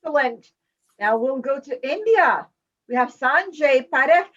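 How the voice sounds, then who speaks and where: A woman's voice: sits high, lively intonation, unhurried. A woman hosting a podcast, introducing the show and its guests with upbeat emphasis. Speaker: podcast host. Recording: dull lo-fi audio.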